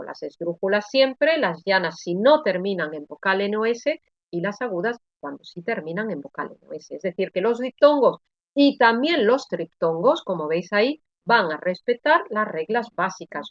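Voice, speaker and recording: A woman giving an online grammar lesson, sounding out words slowly and explaining with frequent checks like "¿eh?". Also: mid-range voice, sing-song, no echo. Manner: slow, careful word-by-word pronunciation drills; explanatory, addresses students with frequent "¿eh?". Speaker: Spanish teacher.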